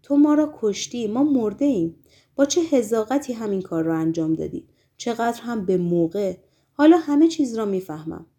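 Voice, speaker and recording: A troubled male writer in a storybook speaks in weary, despairing phrases, performed by a woman. His lines trail off soft and low, carried in a mellow voice. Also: very animated.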